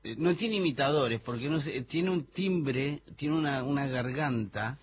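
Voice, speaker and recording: Brief: hoarse Argentine man presenting music on radio, dull sound, faint hum. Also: medium pitch, unhurried. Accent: Argentine Spanish. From Buenos Aires, Argentina. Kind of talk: casual radio chat.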